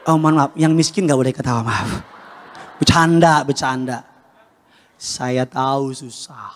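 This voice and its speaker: A male pastor preaching a sermon in a large church, dramatic and joking, swinging between hushed and loud. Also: mid-range voice. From Jakarta, Indonesia. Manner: casual and joking with the congregation. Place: large indoor church, live-streamed service.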